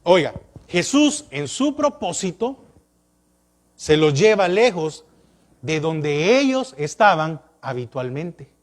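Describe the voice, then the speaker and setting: A man's voice: fairly high pitch, big pitch swings, takes it slowly. A male pastor preaching a sermon, asking the congregation question after question with rising and falling emphasis.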